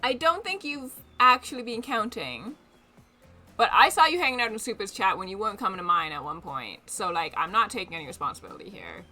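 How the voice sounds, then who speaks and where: Chatty young woman streamer giggling thru a game, bright voice, swoops up and down a lot. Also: mid-range voice, sing-song, a little fast, faint music behind. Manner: giggly, chatty, reads game text aloud with playful asides. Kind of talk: casual let's play chat and reading aloud.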